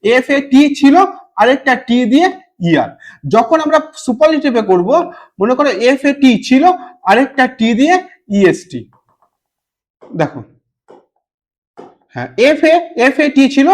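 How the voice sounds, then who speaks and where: A man's voice: extremely high pitch, big pitch swings, unhurried, pauses often. A young man teaching an exam-prep grammar lesson, repeating each rule and spelling words out letter by letter. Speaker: English teacher.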